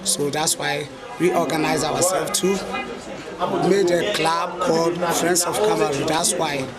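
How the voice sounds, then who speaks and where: A man's voice: on the high side, slow pace. A man from northern Ghana, a football fan, speaking earnestly. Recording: loud crowd behind.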